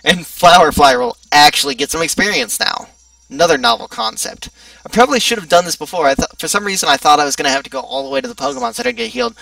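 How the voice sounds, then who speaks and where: A man's voice: very high voice, big pitch swings, quick pace, gravelly, pushed and bright, no room sound, recorded from a distance. A young man giving sarcastic, joking commentary while playing a video game. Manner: joking, sarcastic, chatty asides. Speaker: let's play gamer. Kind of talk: casual gameplay commentary.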